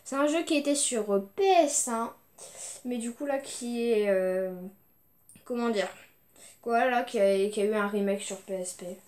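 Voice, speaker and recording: This is a casual unboxing chat in which a young woman presents her video game collection at a measured pace. Her fairly high voice has a darkish color, and her speech is hesitant, full of fillers and restarts.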